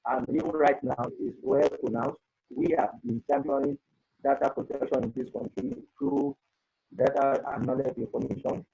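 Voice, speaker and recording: A man's voice: medium pitch, huge pitch swings, moderate pace, gravelly, mellow, slightly rough, highs cut off. A man speaking earnestly as a webinar panelist over an online conference call with an earphone mic, the audio breaking up. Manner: earnest, advising, repeats himself. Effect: heard over a breaking online conference call. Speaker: webinar panelist on data protection. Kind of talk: advisory talk on a video call.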